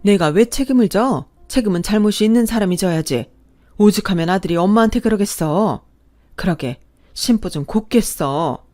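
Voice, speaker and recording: Woman putting on a snobbish middle-aged lady, sneering, contemptuous, story radio drama, even mid pitch. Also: moderate pace, close to an everyday voice.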